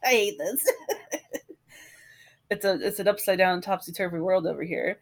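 A sick woman with a hoarse smoker's rasp, chatting casually and self-deprecatingly as a podcast co-host. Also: lowish voice, fairly even intonation, normal speed. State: sick with a cough. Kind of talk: casual chat.

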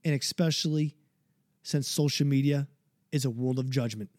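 A man's voice: medium pitch, steady tone, normal speed, a little mellow, no echo, clean studio sound. A man hosting a podcast, delivering a fired-up, preachy motivational monologue and swearing freely. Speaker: podcast host.

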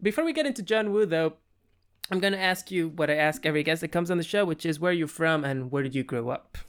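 Brief: male podcast host, upbeat and eager, smooth resonant voice a touch high. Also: animated, fast, a bit bright. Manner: enthusiastic, scripted intros. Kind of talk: podcast interview.

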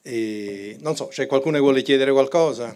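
A man's voice: medium pitch, moderate pace, a little mellow, clear, resonant tone. A man moderating a book presentation, speaking casually and searching for his words. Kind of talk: casual event hosting. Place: event hall.

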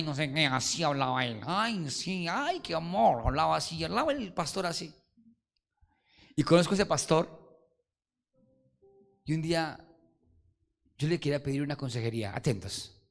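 A man with a Colombian accent preaching a sermon, telling stories with lively emphasis and having the congregation repeat phrases to each other. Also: fairly high pitch. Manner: animated storytelling, calls on congregation to repeat. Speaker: pastor.

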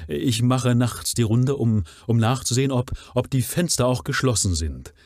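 A man's voice: medium pitch, normal speed, darkish tone, no echo, studio quality, pitched above the performer's own voice, natural voice. A man reading aloud, voicing a nervous male butler who stammers and pleads deferentially with his master. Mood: pleading.

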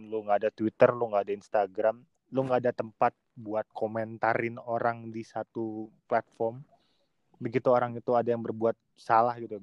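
A man's voice: medium pitch, darkish tone, smooth, no room sound, muffled recording. A man talking casually and animatedly on a remote podcast from home, slangy and mocking online commenters. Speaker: podcast guest.

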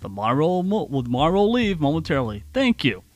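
A man putting on a formal male transit announcer voice, slow and measured. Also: on the high side, big pitch swings.

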